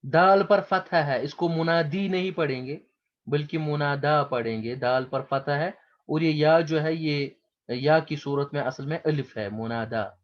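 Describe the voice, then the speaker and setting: Male grammar teacher, unhurried and patient, repeats terms for students; dull lo-fi recording. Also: fairly high pitch. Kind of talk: slow explanatory lecture.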